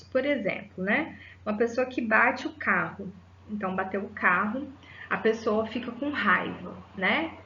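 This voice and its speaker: A woman's voice: medium pitch, fairly bright tone, slight background noise. A woman gives an explanatory psychology lecture, teaching patiently and ending sentences with rhetorical tags. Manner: didactic, frequent rhetorical tag "né?" and fillers. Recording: roomy, slightly dull audio.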